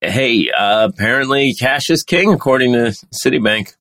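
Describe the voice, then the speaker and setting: A man's voice: mid-range voice, animated, normal speed, fairly bright tone, no room sound. A man co-hosting a podcast, chatting casually about money and markets, joking, swearing and reading quotes aloud. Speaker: podcast co-host. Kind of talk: casual finance chat.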